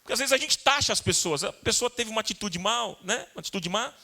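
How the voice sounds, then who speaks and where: A man's voice: high-pitched, lively intonation, quick pace, gravelly, sharp tone. A man with a Brazilian Portuguese accent preaching a sermon as pastor, earnest and repetitive, speaking directly to his congregation in church.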